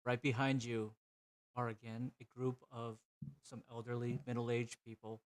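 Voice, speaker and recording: A man narrating a tabletop game as game master, in a relaxed, descriptive way. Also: medium pitch, normal speed.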